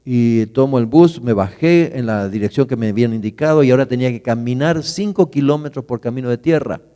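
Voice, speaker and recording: A middle-aged man, preaching as a pastor and telling a personal story vividly, his voice going from loud to hushed. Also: mid-range voice, fairly quick, clear, resonant tone. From Argentina. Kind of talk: sermon storytelling. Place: church hall. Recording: church hall with long reverb.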